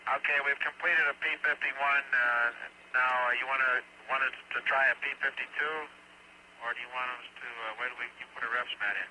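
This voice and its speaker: A man talking as an astronaut over a spacecraft radio link, giving brisk, clipped procedural replies. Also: mid-range voice, fairly even intonation, background noise. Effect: heard over a spacecraft radio link. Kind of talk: mission radio exchange.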